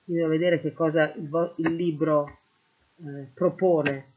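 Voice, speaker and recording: A man teaching a lesson, slowly translating Greek verse word by word into Italian. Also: fairly high pitch, steady tone, a little hiss or hum. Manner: slow, deliberate, translating word by word. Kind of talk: lecture on Greek poetry. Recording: phone-like lo-fi audio.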